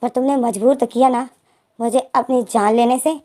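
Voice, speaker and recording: Woman doing a withdrawn young man in a storybook retelling, high and mellow, firm and distant; light acting. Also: fairly even intonation, moderate pace, natural voice. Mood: cold, firm. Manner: firm, pushing away.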